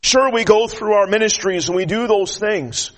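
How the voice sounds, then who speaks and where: A man's voice: high-pitched, moderate pace, a bit bright. A man preaching a sermon as a traveling preacher, earnest, restarting often and building to emphatic declarations. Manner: shy by nature.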